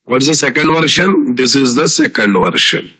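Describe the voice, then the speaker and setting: A man's voice: medium pitch, lively intonation, moderate pace, sharp tone, breathy edge. A man with an Indian Telugu accent giving a live online programming lecture as a teacher, repeating phrases and often checking with students through questions.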